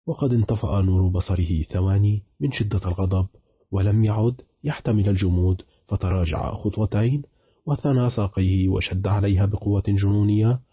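A man narrating a short story for an audiobook in a measured, dramatic storytelling manner. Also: lowish voice, slightly rough, no echo, highs cut off.

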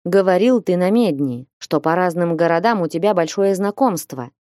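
A woman voicing a blustering, hot-tempered old male merchant in an audiobook, scolding and shouting. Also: lowish voice, normal speed, dry recording, studio quality, lightly acted. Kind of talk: audiobook reading.

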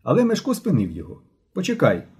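A man narrating an audiobook in an expressive, animated reading. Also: fairly low pitch, fairly quick.

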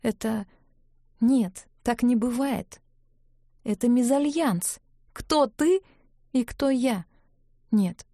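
A woman voicing an anxious, emotional young witch who talks in a shrill, pleading way. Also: slow pace, pauses often, dark tone, no echo, studio quality. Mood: flustered.

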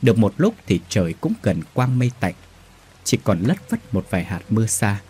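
A man narrating a sad story in a melodramatic style, slowing down for sung-out verse lines. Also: on the low side.

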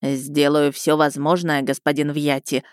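A woman's voice: on the low side, measured pace, no room sound, lightly acted. A woman voicing a brusque elderly male healer who speaks in a dry, businesslike way.

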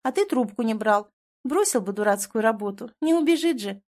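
A woman voicing a capricious, clingy young woman in an audiobook, with a pouty, whiny, shrill manner. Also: expressive, fairly quick, darkish tone. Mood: pouty, wheedling. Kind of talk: audiobook character voice.

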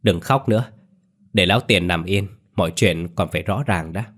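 A man's voice: deep voice, normal speed, fairly bright tone. A man voicing a strong, resolute older village man who speaks firmly. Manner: firm, commanding.

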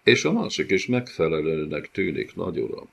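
A sly, flattering courtier , as a male audiobook reader puts him on, who speaks in a smooth, fawning way. His voice sits somewhat above the deep narration. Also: full character voice. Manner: smooth, fawning, feigning regret.

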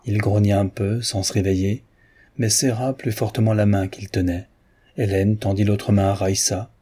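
A man narrating a classic novel in a measured, even reading style. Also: on the low side, husky. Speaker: audiobook narrator. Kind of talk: literary narration.

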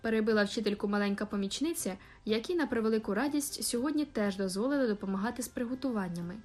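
A woman narrating a classic novel as an audiobook with measured, expressive storytelling. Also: on the high side, faint music behind. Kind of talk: scripted narration.

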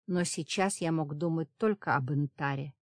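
A woman reading a fantasy audiobook as first-person narration, in a steady dramatic storytelling manner. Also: sits low, normal speed, no echo, studio quality. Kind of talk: scripted narration.

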